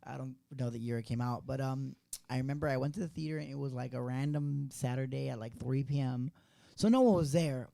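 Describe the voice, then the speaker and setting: A man in his late twenties rattles off rambling, profane stories in a quick, gravelly, mellow voice. He co-hosts a casual chat podcast and is recorded in a dry space. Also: mid-range voice, dry recording. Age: late 20s. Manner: rambling, profane, slangy storytelling. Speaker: podcast co-host.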